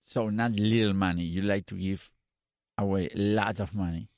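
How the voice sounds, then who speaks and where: A man's voice: on the low side, steady tone, moderate pace, darkish tone, no echo, studio quality. A man whose first language is Spanish, hosting a casual podcast interview and feeling for words as he asks his questions in English. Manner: searching for words, asking in short restarts. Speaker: podcast host.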